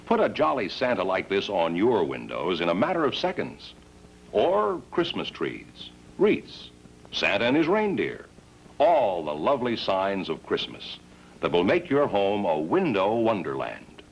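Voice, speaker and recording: A man delivers an upbeat sales pitch in the style of a 1950s TV commercial. His lowish voice swoops widely up and down. The old broadcast audio is dull and lo-fi, with a faint hum underneath. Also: wildly swooping pitch, a little slow. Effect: old 1950s TV broadcast sound. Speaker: commercial announcer.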